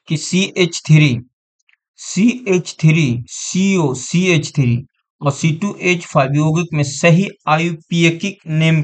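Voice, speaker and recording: Male tutor, slightly high voice, unhurried, drills terms over and over. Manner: repeats terms over and over, checks understanding. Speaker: exam-prep science teacher. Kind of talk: online class lecture.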